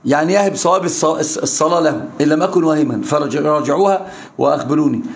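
Egyptian sheikh teaching, high voice, rattles off questions at the class and keeps pushing for answers. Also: male voice, quick pace. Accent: Egyptian Arabic. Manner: insistent, quizzes students with repeated questions. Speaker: Islamic scholar teaching students. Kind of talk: interactive religious lesson.

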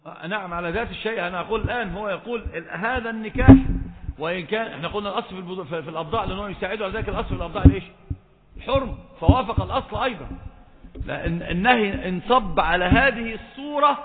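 Fast, high-voiced man lecturing in a hall. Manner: quizzes the students, scolds them for not raising hands. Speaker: teacher of Islamic law. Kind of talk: classroom religious lecture. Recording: thin phone-like sound in a reverberant hall.

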